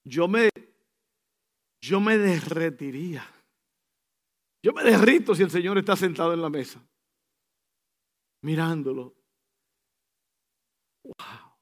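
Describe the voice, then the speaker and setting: High-voiced man preaching with animated swings. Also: slow pace, pauses often. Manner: animated, acts out scenes with sudden shifts between soft and loud; drops in English phrases. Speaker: pastor. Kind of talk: sermon.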